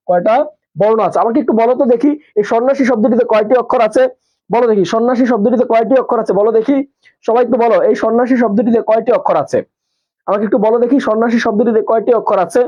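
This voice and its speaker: Male tutor, high voice, repeats and quizzes, muffled lo-fi audio. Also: dark tone. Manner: repetitive, asks questions and answers them himself. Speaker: teacher. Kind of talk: live online exam-prep class.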